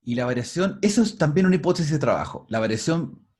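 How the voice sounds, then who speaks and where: A man's voice: a little high, expressive, fast, darkish tone, slightly rough. A man teaching a linguistics class over a video call, explaining patiently and often restarting his words. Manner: explanatory, restarts and repeats words while thinking.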